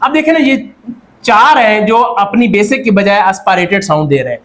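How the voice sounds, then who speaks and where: A man's voice: high voice, moderate pace, fairly bright tone. A Pakistani man teaching a classroom lecture, quizzing students and repeating their answers. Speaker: Korean language teacher.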